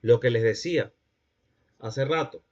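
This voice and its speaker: Guy teaching a class, mid pitch, kinda muffled lo-fi sound. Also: unhurried. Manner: explanatory, checks understanding with the class. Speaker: lecturer. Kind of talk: classroom lecture.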